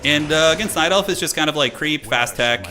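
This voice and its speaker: A man's voice: on the high side, brisk, music in the background. A man giving casual, slangy live commentary on his own game, talking through his moves with some mild swearing. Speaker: gaming streamer commentating own match.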